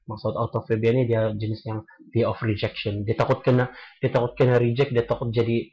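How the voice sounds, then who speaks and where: A man's voice: medium pitch, flat delivery, a little mellow, dull audio. A young man, talking casually and earnestly about a personal experience, stopping often to restart his sentences. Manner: earnest, halting, many restarts, mixes English into Malay. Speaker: guest sharing experience. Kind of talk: casual podcast chat.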